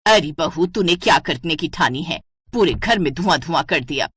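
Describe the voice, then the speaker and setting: A woman voicing a sharp-tongued older mother-in-law who scolds and frets in a cartoon story. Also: sits low, animated, normal speed, breathy edge, no room sound, full character voice. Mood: scolding. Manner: scolding, nagging. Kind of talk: cartoon voice acting.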